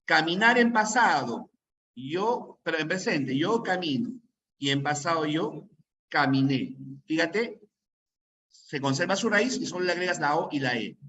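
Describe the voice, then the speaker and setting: Slow, bright-voiced teacher. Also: male voice, on the high side, expressive, muffled recording, slight background noise. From Peru. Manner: repetitive, checks in with listeners often. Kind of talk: classroom grammar lesson.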